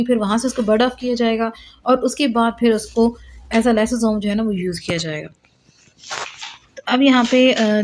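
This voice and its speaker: A woman's voice: fairly high pitch, a little mellow. A woman teaching biology at a whiteboard in a lecture style, explaining step by step, posing questions and answering them herself, and mixing English terms into her speech. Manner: mixes English terms into Hindi.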